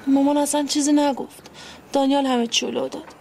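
An upset teenage daughter who reproaches her father. Her voice is high and flat, with faint ambience behind it. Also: vocal fry, a little hiss or hum. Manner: distressed, reproachful.

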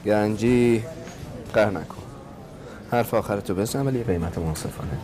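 A man's voice: fairly low pitch, crowd noise, lightly acted. An actor playing a stubborn, proud young man who answers his family curtly and defiantly. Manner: curt and defiant. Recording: background noise.

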